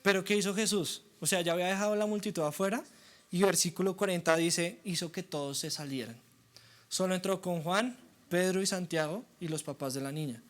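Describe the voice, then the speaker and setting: A young man preaching a sermon, animated and acting out the voices of doubters. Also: high voice, fairly quick. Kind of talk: sermon teaching.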